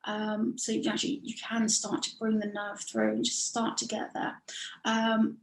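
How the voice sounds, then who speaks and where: A woman's voice: medium pitch, creaky, fairly bright tone. A woman, talking as an interview guest, chatty and full of analogies and repetition, heard over a video call. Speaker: guest expert. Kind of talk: explanatory interview talk. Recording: echoey room.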